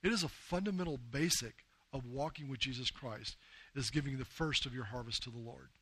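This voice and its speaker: A man's voice: medium pitch, brisk, fairly bright tone, slightly rough. A man, a pastor, preaching a sermon in an earnest, emphatic, conversational way while telling personal stories. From United States. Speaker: pastor and missionary leader.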